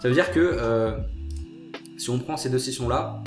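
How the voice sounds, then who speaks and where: A man's voice: mid-range voice, moderate pace, echoey room, music in the background. A young man host walking through a live trade on screen, talking casually to the viewer with many hesitations. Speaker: trading channel host. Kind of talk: live trading walkthrough.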